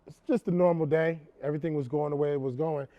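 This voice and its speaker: An actor performing a stage monologue, playing a man who retells a tense encounter in an animated, emphatic way and then turns into a brash, sarcastic talk show host. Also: on the high side, quick pace, muffled recording, close to an everyday voice. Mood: indignant storytelling. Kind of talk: theatrical monologue, stand-up-like storytelling.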